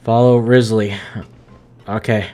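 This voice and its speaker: A man live-streams a game with casual commentary, chatting informally and reacting aloud in a joking way while game music plays in the background. His voice is fairly low, level, slow and a little mellow.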